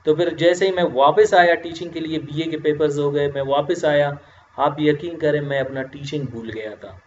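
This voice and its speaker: A man teaching English grammar in a recorded lecture, explaining slowly and answering his own questions. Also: on the high side, slight background noise. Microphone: voice-over, face not on screen. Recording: roomy, dull lo-fi lecture audio.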